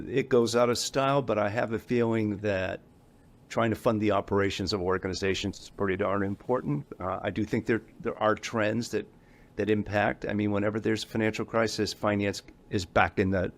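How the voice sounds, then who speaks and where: A middle-aged man speaking as an interview guest in a casual, rambling way, often correcting himself and chuckling between points. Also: on the low side. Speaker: guest, association executive.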